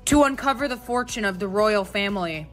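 A woman's voice: mid-range voice, expressive, a little fast, faint music behind, close to an everyday voice. Woman playing a sassy teasing young sister. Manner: teasing, sassy, exaggerated reactions. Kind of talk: comedy sketch role-play.

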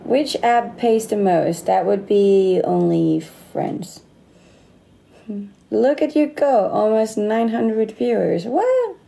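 Animated yet slow, her medium-pitched voice carries vocal fry and a dark tone. She is a Danish livestream host in her late twenties with a slight Australian accent, chatting casually from a phone held close to her face in an indoor room, reading comments and laughing often.

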